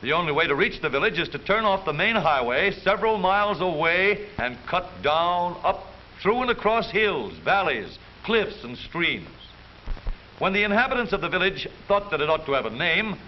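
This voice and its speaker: An American man narrates a 1930s newsreel in a jaunty, theatrical, wisecracking style, his fairly high voice swinging widely in pitch. The old soundtrack sounds dull with a light hiss.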